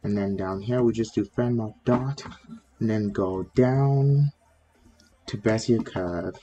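A man's voice: lowish voice, slow, mellow, lo-fi sound. A man hosting a casual coding tutorial, talking step by step while sick with a sore throat. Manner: chatty, step-by-step, with frequent "like" fillers. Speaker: tutorial host.

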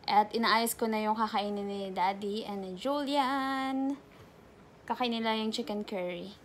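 A woman's voice: mid-range voice, a little slow, a little hiss or hum. A woman, a mother vlogging casually at home, chatting while mixing Tagalog and English. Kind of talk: casual vlog.

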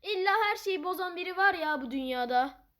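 A woman giving playful, excitable gameplay commentary as she plays, breaking into loud outbursts. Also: extremely high pitch, fairly quick. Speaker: gaming channel host.

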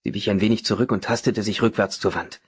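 A man reading a novel aloud as audiobook narrator, in a dramatic, even manner. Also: lowish voice, fast talker, slightly rough. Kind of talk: scripted narration.

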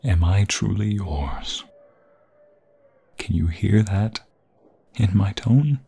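A lowish, mellow male voice, pushed into an exaggerated character, plays a pleading, lovestruck vampire fiancé in an intimate romantic ASMR roleplay. Tender and aching, he is husky and breathy, often whispering, his delivery halting and emotional.

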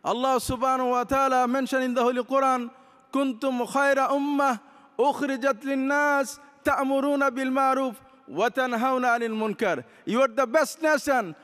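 A man preaches at a podium in a large convention hall, his voice very high and smooth. He speaks with passion, weaving Arabic recitation into his English, and the long reverb of the hall trails behind each phrase. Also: normal speed, fairly bright tone. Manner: impassioned, gesturing with both hands. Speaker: imam. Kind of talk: convention speech. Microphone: podium microphones.

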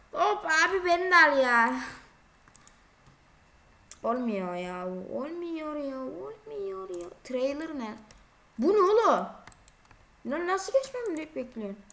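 Woman, high voice, casual gameplay commentary, chatty, exclamatory, scolds other drivers. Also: sharp tone. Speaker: gaming video creator.

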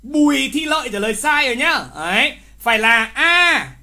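A male literature teacher running a live online exam review, lively and teasing, who repeats key words and scolds wrong answers with exclamations. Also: extremely high pitch, normal speed.

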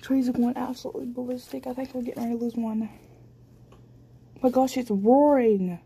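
An amateur storm videographer, a woman with a fairly high, steady voice, speaks briskly with a creaky, warm, husky quality. Scared and shaky, she gives breathless, exclaiming running commentary into a handheld phone. The noisy amateur phone recording is full of storm ambience.

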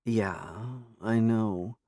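A man voicing an earnest, gentle young woman who speaks softly, slowly and matter-of-factly. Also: on the low side, dry recording, clean studio sound. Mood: calm. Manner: soft, slow, matter-of-fact.

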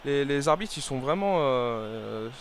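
A young man commenting casually on his own football video game, rambling and hesitant with many fillers and restarts, breaking into excited shouts at the game. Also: medium pitch, measured pace, slight background noise. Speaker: gaming video creator.

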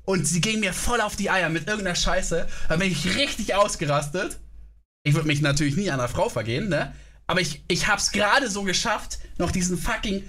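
A man's voice: high-pitched, a little fast. A man in his thirties chatting casually and slangily as a streamer, telling stories and reacting to clips into a close desk mic at home. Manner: slangy, animated. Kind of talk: casual livestream chat and storytelling. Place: small room at home. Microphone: large desk microphone, close.

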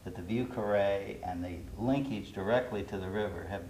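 A middle-aged man, an urban planner, speaking in a measured, thoughtful way with some hesitations on a studio panel. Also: lowish voice, a little mellow. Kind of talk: panel discussion. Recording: roomy studio with faint hiss.

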